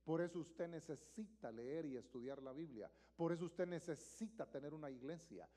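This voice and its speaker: Male pastor, live church sermon, emphatic repetitive preaching, high voice, long hall reverb. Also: expressive, moderate pace. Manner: emphatic, repetitive preaching that swells to loud exclamations. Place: church sanctuary.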